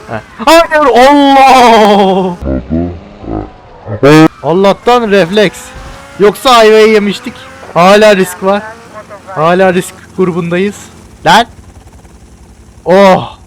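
A young man casually commentating a video game, excitable and bantering, often shouting at what happens on screen. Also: sits high. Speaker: gameplay video host.

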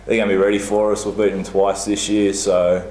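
A young basketball player answers press questions in a steady, matter-of-fact voice. His tone is low and very even. The room adds an echo over a faint hiss. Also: a little fast. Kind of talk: post-match press conference. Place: small press room before a sponsor backdrop. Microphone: table mic on a stand.

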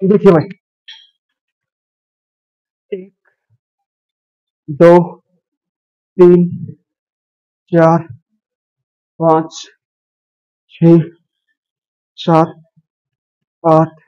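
Male gym trainer in his 30s, unhurried and mellow, slightly lo-fi lapel sound; counts reps aloud. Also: sits high. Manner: counts reps aloud, addresses viewers as brothers. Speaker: gym trainer and fitness vlogger. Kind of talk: casual workout instruction. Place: large indoor gym.

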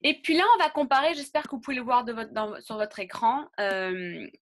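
A woman teaching French pronunciation, saying each model word slowly and carefully, then explaining it again in English. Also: on the high side, expressive. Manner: slow, carefully articulated model words. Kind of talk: bilingual pronunciation lesson.

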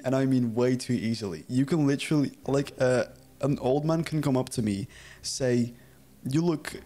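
Mellow and mid-range, the voice belongs to a young man from the Netherlands streaming a game in a small room at home. His English carries a British-style accent, and he keeps it casual, giggling often while reading chat and on-screen text out loud.

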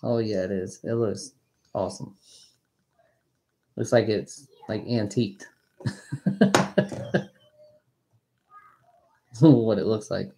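A woman's voice: a bass voice, slow, long pauses, mellow. A woman hosting a live coin auction stream, chatting casually and calling out bids with a playful auctioneer patter.

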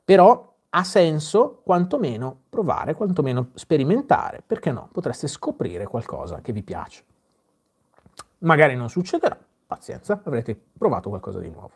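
A man's voice: a little high, sing-song, moderate pace, husky. Man hosting a live Q&A. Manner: conversational, frequent fillers and restarts, addresses viewers by name. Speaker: host answering viewer questions. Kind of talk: live Q&A chat reading comments.

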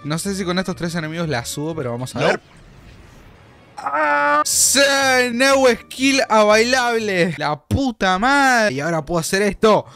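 A young man with an Argentine accent giving casual, excitable gameplay commentary, swearing and shouting at enemies, his voice a little off from being sick. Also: a little high. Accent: Argentine Spanish. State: slightly sick voice. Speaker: gaming youtuber. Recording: game music behind voice.

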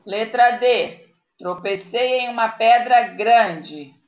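A woman's voice: on the high side, slow pace. A woman with a Brazilian Portuguese accent teaching a live online class to young children, dictating patiently and checking in often. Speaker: primary school teacher. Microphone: video call. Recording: echoey, muffled video-call audio.

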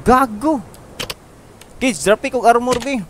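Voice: mid-range voice, slow, a little hiss or hum. A gamer with a Cebuano accent, bantering casually with a friend while streaming, laughing often and swearing playfully.

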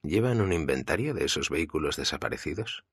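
A man's voice: a bass voice, lively intonation, quick pace, husky, no echo, studio quality, exaggerated voice. A man with a Spanish accent reading a probing woman journalist in an audiobook, pressing with questions. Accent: Spain.

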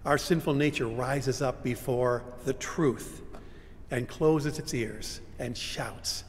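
Older pastor preaching in a reverberant church. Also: male voice, mid-range voice, takes it slowly. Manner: dramatic, swinging between loud cries and hushed whispers. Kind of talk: sermon. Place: large church sanctuary, standing at a pulpit. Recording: long church reverb, faint room hum.

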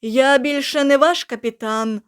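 A woman voicing a male captain who has been taken over by an ancient vengeful city, speaking slowly and solemnly in an audiobook. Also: sits high, clean tone.

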